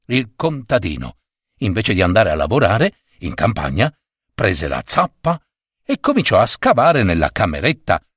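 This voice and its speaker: A man telling a folk tale aloud in a slow, expressive storytelling voice. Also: mid-range voice, no room sound, clean studio sound.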